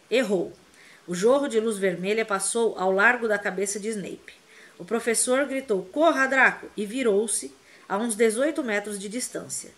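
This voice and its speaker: Woman reading a novel aloud, dramatic. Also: medium pitch. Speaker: audiobook reader. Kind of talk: expressive audiobook narration.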